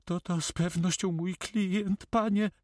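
A man voicing a fretful, whining old male notary with a high, sighing voice in an audiobook. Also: steady tone, measured pace, a little mellow, no room sound, clean studio sound. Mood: plaintive.

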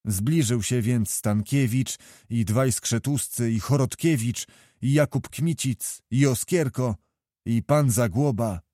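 Brief: male narrator, mid-pitched, dry close reading of a historical novel. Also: takes it slowly, dark tone, no room sound. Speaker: audiobook reader.

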